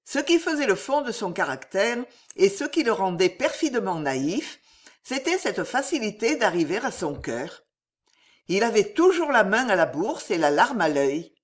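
Woman narrator, animated lively pitch, audiobook reading of historical prose, measured and expressive.

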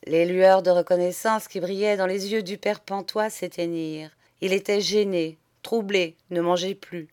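A woman's voice: fairly low pitch, fairly even intonation, moderate pace, few pauses, darkish tone. Woman reading a novel aloud. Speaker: audiobook reader. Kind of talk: scripted narration of a novel.

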